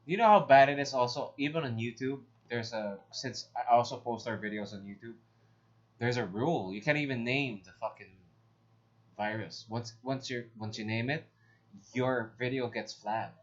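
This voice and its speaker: A man's voice: mid-range voice, moderate pace. Laid-back swearing man, lo-fi sound. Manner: casual, swears, says "bro" and "dude". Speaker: podcast co-host. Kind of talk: casual chat. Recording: dull lo-fi sound.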